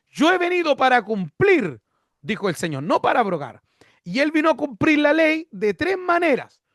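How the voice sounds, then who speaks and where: A pastor delivers a teaching sermon in a notably high voice, explaining each point and repeating key words. He asks questions aloud and answers them himself. The recording is close and dry, with almost no room sound. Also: fairly bright tone, dry recording.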